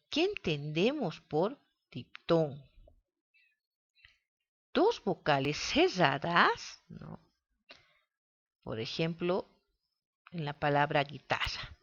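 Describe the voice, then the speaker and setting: A woman teaches a grammar lesson at a very unhurried pace, drawing out each syllable. Her voice sits a little low but sounds bright and clear. The recording is dry with a dull, lo-fi quality. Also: very animated, no room sound. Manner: slow, deliberate, spells out syllables.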